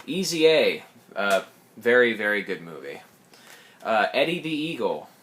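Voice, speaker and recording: A young man, slightly hoarse, chatting casually through his film collection with quick asides and self-corrections. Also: lowish voice, very animated, fairly bright tone. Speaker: collector showing his films.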